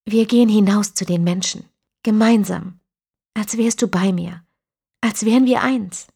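A woman's voice: mid-range voice, measured pace, gravelly, warm tone, breathy edge, pitched above the performer's own voice. A woman voicing a defiant, devout young woman in an audiobook, speaking earnestly and intensely. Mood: tender. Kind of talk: audiobook character reading.

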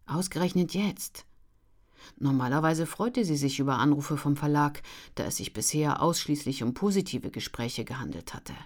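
A woman reading a novel aloud in a calm, even narrating voice. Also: low-pitched. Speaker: audiobook narrator. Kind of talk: scripted narration.

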